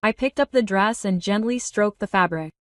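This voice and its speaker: A woman reading a first-person story in a steady, even narrating voice. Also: medium pitch, moderate pace, no echo, studio quality, far from the mic.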